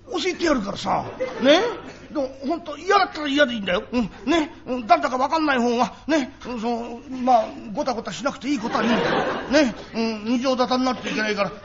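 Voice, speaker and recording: A man's voice: very high-pitched, fairly bright tone. A man voicing a cheeky young boy who teases and coaxes coins from his father, in a live comic storytelling performance. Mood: wheedling. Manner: coaxing, teasing, drawn-out storytelling. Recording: dull live recording with audience laughter.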